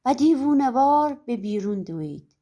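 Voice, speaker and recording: A woman's voice: high-pitched, animated, warm tone. A woman narrating a folk tale audiobook expressively, often fading to a whisper at the ends of lines. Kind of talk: storybook narration.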